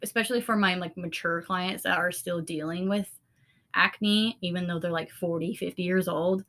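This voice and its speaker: A woman's voice: fairly low pitch, fairly even intonation, normal speed, fairly bright tone. A woman co-hosting a podcast as an esthetician, chatting casually with lots of fillers, giggles and the odd swear word. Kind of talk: casual chat.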